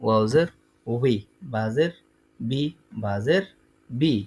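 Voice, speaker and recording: A man teaching Quran letter sounds, saying each letter and its vowel twice in a slow, deliberate drill. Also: mid-range voice, darkish tone, breathy edge, rough recording. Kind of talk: slow recitation lesson.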